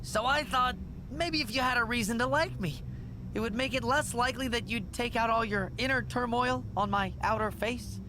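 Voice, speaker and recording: Here a male actor portrays a jittery, obsequious wrestling manager who rambles anxiously through a video game cutscene. The voice is very high at normal speed, with background noise.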